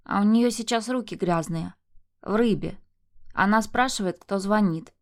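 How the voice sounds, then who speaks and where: A woman reading an audiobook, voicing a cruel, abusive husband who sneers and shouts insults. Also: mid-range voice, moderate pace, close to an everyday voice. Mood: mocking. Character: abusive enraged husband, man, cruel and mocking.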